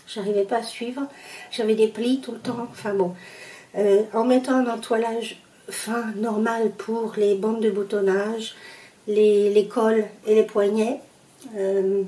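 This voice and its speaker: A woman's voice: a little high, warm tone, far from the mic. Chatty Parisian woman in an echoey room. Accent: Parisian French. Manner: chatty, hesitant with many fillers. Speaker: sewing vlogger. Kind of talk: casual show-and-tell vlog.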